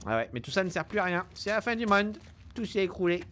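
Higher-pitched young Frenchman streaming a game. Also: quick pace, a little hiss or hum. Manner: joking, excitable, slangy, jumpy when startled. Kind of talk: casual gameplay commentary. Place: indoor room at home. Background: game sounds.

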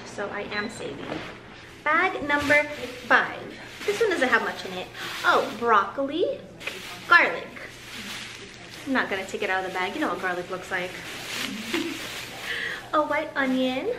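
A woman's voice: on the high side, animated, normal speed. A woman in her thirties casually showing off her grocery haul on her home vlog, chatty and upbeat, in a living room recorded by a camera. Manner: chatty, upbeat, lingers on some words. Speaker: vlogger. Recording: roomy home audio with background hiss.

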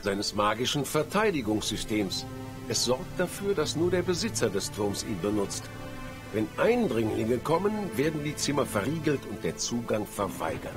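Guy acting nervous bookish wizard in a video game, really animated n pedantic, music behind. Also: mid-range voice, moderate pace, natural voice. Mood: earnest explaining. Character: anxious, bookish male mage, grateful and long-winded.

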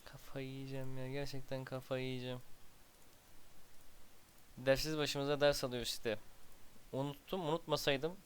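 Smooth-voiced man muttering over gameplay. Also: medium pitch, flat delivery, moderate pace, pauses often. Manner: muttering to himself, exasperated outbursts. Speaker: gameplay commentator. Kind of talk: casual strategy game commentary.

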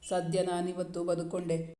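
A man's voice: high voice, completely flat delivery, normal speed, mellow, natural voice. A teasing young husband read by a male narrator. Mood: coaxing. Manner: teasing, coaxing. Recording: roomy echo.

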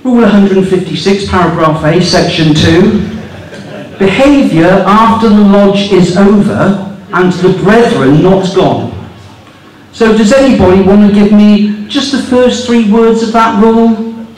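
On a small club stage, a stand-up comedian in his fifties reads rules aloud with mocking disbelief, swearing for laughs. His voice sits high, with a measured pace and a darkish tone. He uses a handheld mic on a stand, captured from far off in an echoey room.

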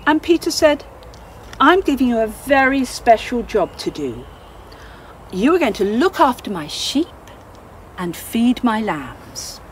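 A woman leading a children's church talk, telling a Bible story in an animated way and asking the children questions. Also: fairly high pitch, a little hiss or hum, low-quality recording.

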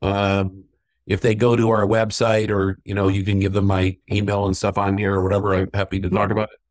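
A middle-aged man with a somewhat low voice rambles through stories with easy, chatty charm. He acts out the people he quotes along the way. The sound is dry and close to the mic. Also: monotone, brisk, darkish tone, dry recording. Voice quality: self-described stubborn Irishman. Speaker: sangria company owner. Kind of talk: casual interview storytelling.

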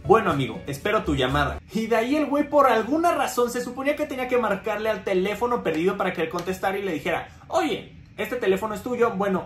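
A young man with a Mexican accent, telling a story in a sarcastic, exasperated vlog style. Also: high-pitched. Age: young adult. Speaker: youtuber. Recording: faint background music.

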